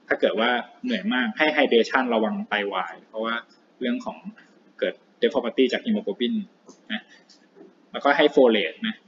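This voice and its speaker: A man giving a relaxed, chatty medical lecture, full of filler particles and restarts, recorded on a dull lo-fi track with faint hiss. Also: mid-range voice.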